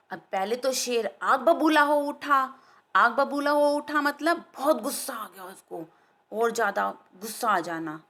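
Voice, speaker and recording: A woman teacher tells a story to young children, pausing often to explain words and ask them questions. Her voice sits fairly high and she speaks slowly and carefully. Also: a bit bright.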